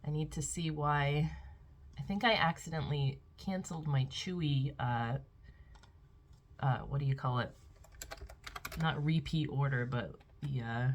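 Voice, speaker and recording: A woman's voice: deep voice, unhurried, pauses often, slight background noise. A middle-aged woman vlogging casually at home, rambling through her day with filler words, talking into a phone camera. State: out of breath. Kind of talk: casual vlog chat. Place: at home indoors.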